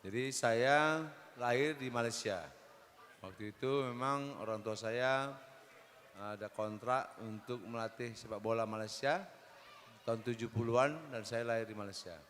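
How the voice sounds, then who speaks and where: A man in his forties, a talk show guest who talks in a relaxed, joking, rambling way. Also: mid-range voice, moderate pace. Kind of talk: casual talk show conversation. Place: mosque hall. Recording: long hall reverb.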